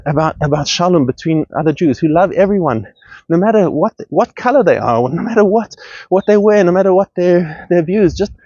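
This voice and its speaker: A man's voice: sits high, expressive, fairly quick, darkish tone, no echo. A man delivering a heated, earnest monologue as podcast host, often restarting and repeating words as he gets worked up. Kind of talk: impassioned monologue. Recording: dull, lo-fi sound.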